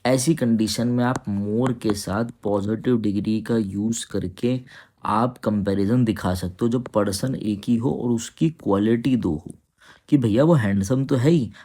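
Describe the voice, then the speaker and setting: A man's voice: lowish voice, warm tone. A man teaching an exam-prep English grammar lesson, explaining patiently and often checking that students follow. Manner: explains patiently, keeps asking "ठीक है?" to check understanding; reads English sentences slowly and deliberately.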